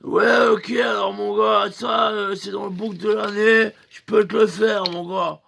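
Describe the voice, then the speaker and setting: A man playing a drunk, crude tattoo artist who talks with a gruff, swaggering manner. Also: sits high, fairly even intonation, a little slow, fairly bright tone, a little hiss or hum, heavily acted.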